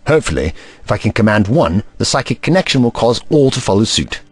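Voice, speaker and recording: A man's voice: lowish voice, big pitch swings, fast talker, breathy edge, no echo, faint music behind. A man playing a clever, earnest alien Time Lord hero in an audio drama, with precise, theatrical, formal diction. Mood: gently cautious.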